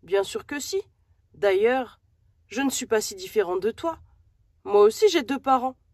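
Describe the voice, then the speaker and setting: A woman's voice: fairly high pitch, sing-song, a little slow, no room sound, clean studio sound, exaggerated voice. A woman voicing a friendly, proud young male calf in a storybook, as if reading to a toddler. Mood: reassuring.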